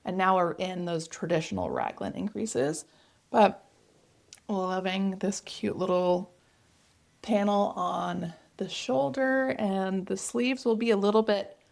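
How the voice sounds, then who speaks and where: A woman's voice: mid-range voice, takes it slowly, vocal fry, darkish tone. A woman with an Oklahoma accent, chatting casually and enthusiastically as the host of a knitting vlog.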